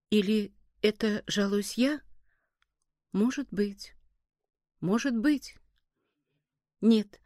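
A woman reading a literary story aloud in a slow, measured, melancholy way. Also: a little high, darkish tone, no echo, studio quality. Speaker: reader.

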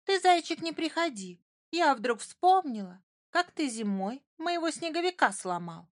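Storybook fox cub girl, high and eager, lively, a woman puts her on. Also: moderate pace. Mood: bossy, apologetic. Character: young female fox cub, excitable and childish.

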